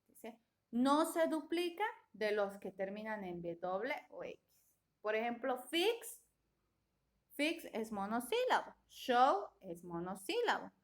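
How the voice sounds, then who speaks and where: Slow, deliberate woman teaching grammar. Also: fairly high pitch, big pitch swings. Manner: slow and deliberate, often checking with a questioning "¿ya?". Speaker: English teacher. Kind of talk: classroom grammar lesson.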